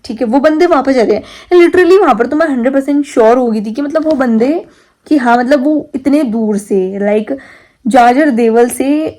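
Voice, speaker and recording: A woman's voice: sits high, darkish tone. A young woman vlogger casually telling a story to her viewers, chatty, with English words dropped into her talk. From Uttarakhand, India. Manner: chatty, mixes in English words, repeats "theek hai".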